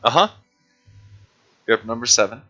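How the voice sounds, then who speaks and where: A man's voice: medium pitch, expressive, normal speed, sharp tone. A man running a tabletop game as game master, teasing his players, laughing often and insisting they word their questions exactly. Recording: dull lo-fi stream audio with faint music.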